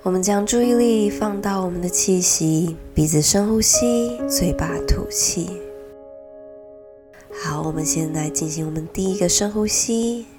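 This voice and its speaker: A woman speaks in a low register, softly leading a guided meditation over prominent piano music. Her delivery is soothing and unhurried, with long pauses between short phrases. A head cold gives her voice a slightly nasal tone. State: has a cold. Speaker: podcast host leading a guided mindfulness meditation. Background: gentle piano music.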